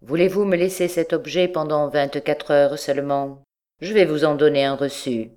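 A woman's voice: low voice, fairly even intonation, normal speed, dark tone, close to an everyday voice. A woman voicing a formal, wary male goldsmith who speaks precisely. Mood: polite.

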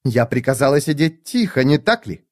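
A man's voice: mid-range voice, sing-song, normal speed, a little mellow, voice pushed up, natural voice. A man voicing a stern, exasperated priestess.

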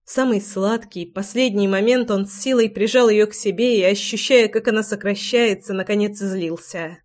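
A woman reading a romance novel aloud as narrator, with even, measured delivery. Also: medium pitch. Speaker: audiobook narrator.

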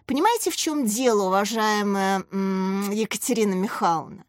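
A woman's voice: medium pitch, normal speed, no room sound, clean studio sound, close to an everyday voice. A woman reading the part of a pushy, lecturing female psychologist parent in an audiobook. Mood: demanding. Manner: lecturing, demanding, condescending.

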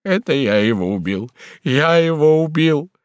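A man's voice: medium pitch, sing-song, normal speed, no echo, studio quality, natural voice. A man voicing a grief-stricken older guardian in an audiobook, tearful and distraught.

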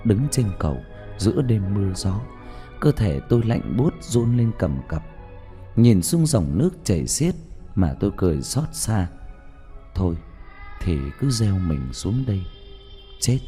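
A man reading a first-person story aloud in a slow, emotive, mournful narration. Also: on the low side. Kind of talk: dramatic audiobook narration. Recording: soft music bed behind.

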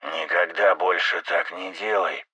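A man's voice: low-pitched, fairly even intonation, measured pace, pushed and bright, breathy edge, dry recording, dull audio, heavily acted. A male audiobook narrator voicing cold, clipped crewmates in spacesuits, speaking over helmet radio. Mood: terse. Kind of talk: audiobook character voices.

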